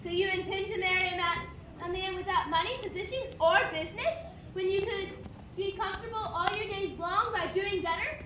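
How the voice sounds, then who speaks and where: A woman's voice: very high voice, brisk. A woman playing a domineering, scolding rich old aunt in an amateur stage play, heard from afar in an echoing room with some noise. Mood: imperious. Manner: imperious, scolding. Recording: distant, echoey room, faint noise.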